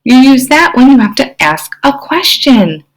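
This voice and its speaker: A woman teacher giving an expressive online reading lesson to young children, often asking them questions. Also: high voice, measured pace, rough recording. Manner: expressive, explains with gasps and questions to kids.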